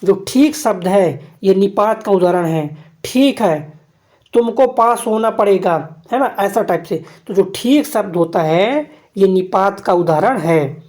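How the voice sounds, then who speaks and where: A woman's voice: medium pitch, expressive, a little slow, darkish tone. A woman teaches an exam-prep grammar lesson, reading each question aloud and then answering it. She repeats every answer several times and keeps asking her viewers "what?" as she goes. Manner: repeats questions and answers, often asks "kya"; addresses viewers as "dosto". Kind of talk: Hindi grammar quiz lesson.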